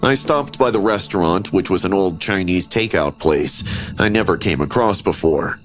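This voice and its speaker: A man giving steady, ominous scripted narration of a horror story, with music behind. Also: low voice, normal speed. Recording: animation audio with background music.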